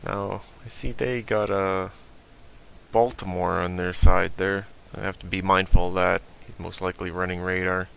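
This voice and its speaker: Gravelly-voiced man commenting on gameplay. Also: low-pitched, normal speed, a little hiss or hum. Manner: relaxed, thinking aloud with fillers. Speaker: gaming video host.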